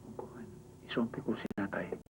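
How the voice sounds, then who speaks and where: A man guiding someone under hypnosis with calm, coaxing questions, sometimes dropping to a hush. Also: on the low side, soft background music. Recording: session audio with clear background noise.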